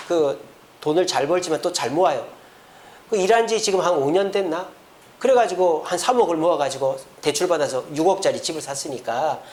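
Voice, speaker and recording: Lively Korean pastor telling a story. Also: male voice, a little high. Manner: storytelling with acted quotes. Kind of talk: sermon. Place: church sanctuary.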